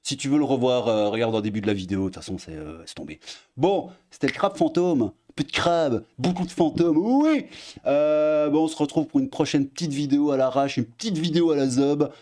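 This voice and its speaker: A man with a mellow, rounded voice at an ordinary pitch, talking casually as he reads posts aloud. His tone is sarcastic, jumping up in mock outrage and then sinking into quiet, half-whispered mutters at the ends of his sentences. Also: a little fast. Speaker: online commentator.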